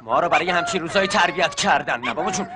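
An actor playing a pilot father who gently hushes his crying babies. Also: a little high, lively intonation, noisy background, natural voice. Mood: earnest. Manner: gentle, soothing, hushing crying children. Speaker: pilot at home with his family.

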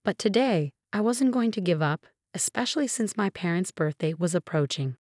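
A woman narrating a scripted first-person revenge story in an even, measured reading voice. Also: lowish voice, no room sound, studio quality.

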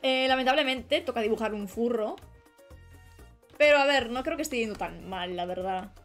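A young woman with a higher-than-usual voice chats her way through a drawing stream. She rambles and trails off mid-thought while she works, and soft music plays faintly behind her. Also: normal speed. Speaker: streamer and illustrator. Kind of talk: casual live-stream chat while drawing. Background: faint background music.

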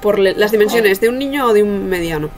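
A young woman running a tabletop game as game master, narrating casually and haltingly over a video call. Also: mid-range voice, expressive, darkish tone, faint music behind. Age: young adult. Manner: halting, thinking aloud. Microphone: webcam video call. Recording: noisy home video call.

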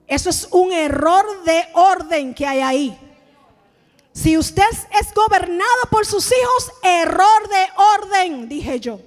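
A woman pastor preaching a sermon in a church, animated, often acting out the voices of church members. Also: very high-pitched, slow, long reverb tail, faint music behind.

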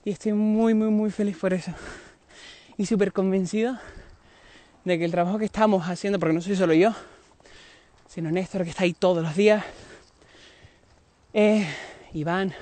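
A man's voice: sits high, steady tone, normal speed, pauses often, a little mellow, dry recording. A man from Tenerife, chatting on a live stream outdoors, confiding and laughing often as he talks to his viewers. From Tenerife, Canary Islands. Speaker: singer hosting a live stream. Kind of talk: casual live-stream chat. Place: outdoors near a road, moving about.

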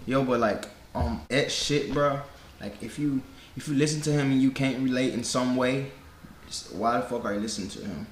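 A man's voice: mid-range voice, moderate pace, slight background noise. Man in an echoey room, talking loose and slangy. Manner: loose and slangy, full of fillers and restarts. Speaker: reaction video host. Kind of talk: casual reaction commentary. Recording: echoey room, faint music behind.

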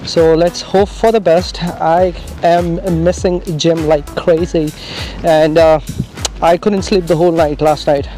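Guy vlogging on a handheld cam, bit high voice, upbeat, says uh a lot, faint music behind. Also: flat delivery, takes it slowly, warm tone. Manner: upbeat, hesitant with frequent fillers. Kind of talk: casual vlog talk to camera. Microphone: handheld camera mic.

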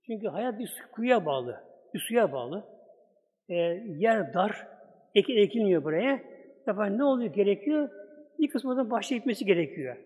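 A man's voice: sits high, very animated, moderate pace, darkish tone, husky, big-room sound. A man preaching a storytelling sermon with Quran commentary, acting out the dialogue of the story as he tells it. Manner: acts out dialogue of the story in quotes.

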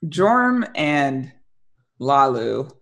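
A young woman narrating an improvised tabletop game as dungeon master, conversational and halting, on a headset call. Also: rumbling low, sing-song, a bit bright. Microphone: headset on a video call.

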